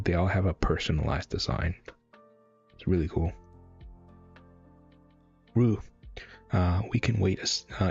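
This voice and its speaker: A man's voice: deep voice, vocal fry, a little mellow, breathy edge, highs cut off. A man casually reacting live to a webcomic, reading panels aloud and rambling with lots of fillers and restarts.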